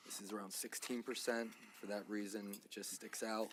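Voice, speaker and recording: A man's voice: lowish voice, little pitch movement, moderate pace, slight background noise. A man giving a short, matter-of-fact statement against a raise at a council meeting. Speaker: council member. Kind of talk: brief floor statement.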